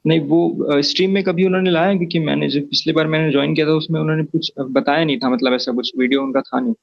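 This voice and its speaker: Hesitant gravelly caller on a dull line. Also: male voice, a little high, steady tone, no echo. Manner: hesitant, with many fillers and restarts. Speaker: caller asking questions. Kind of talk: halting questions on a live call. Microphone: online call.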